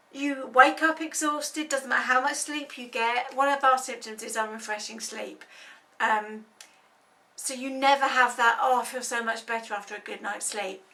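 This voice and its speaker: A woman's voice: high-pitched, bright, forceful tone, recorded from a distance. A woman giving an informal explanatory talk, conversational and full of personal examples and everyday comparisons, like a campaigner raising awareness.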